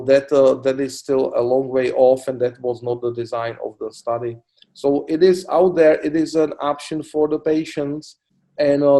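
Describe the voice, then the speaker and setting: A middle-aged man from the Republic, a cancer doctor answering interview questions in a halting way, full of "you know" fillers. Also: mid-range voice, mellow. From Czech Republic. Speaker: oncologist guest. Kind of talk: expert interview.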